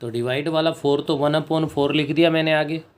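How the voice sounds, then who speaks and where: A man's voice: on the high side, fairly even intonation. A man teaching a maths lesson, working through a proof step by step and often checking in with his students. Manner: slow and deliberate, dictates English phrases word by word, checks in with students. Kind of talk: board-work maths lesson.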